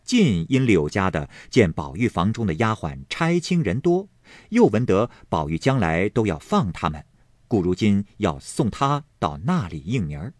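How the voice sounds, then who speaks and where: A man reads an old classic aloud in a low, husky voice. His pitch swings widely as he dramatizes each scene. The sound is dry and close. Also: moderate pace, no room sound. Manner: expressive, dramatic reading. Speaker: narrator. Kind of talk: storytelling reading of a classic novel.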